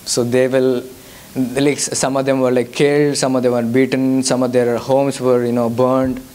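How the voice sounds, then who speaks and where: This young Telugu-speaking man from India talks in accented English, fielding audience questions as a guest at a church youth service. He uses a mid-range, level voice with a darkish quality and a moderate pace, often hesitating, restarting, and filling pauses.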